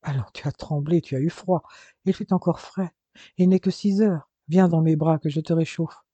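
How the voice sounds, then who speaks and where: A man voicing a gentle, reassuring husband. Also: on the high side, fairly even intonation, moderate pace, dry recording, highs cut off, close to an everyday voice.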